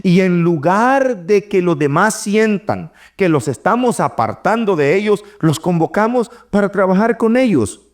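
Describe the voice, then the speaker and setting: A middle-aged man, preaching an animated sermon and acting out the voices he quotes. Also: high-pitched, measured pace, hardly any pauses.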